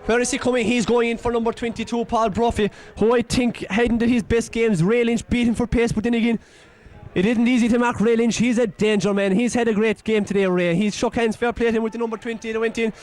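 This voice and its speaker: An Irish man giving excitable, openly partisan live commentary on a local football match, shouting and nearly losing his voice. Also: very high voice, fast.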